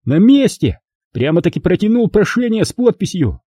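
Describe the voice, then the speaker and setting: Male reader voicing a loud, sneering teen bully; high-pitched, lively, husky. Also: moderate pace, no echo, studio quality, exaggerated voice. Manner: mocking, theatrical taunting. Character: sneering teenage boy bully, loud and crude.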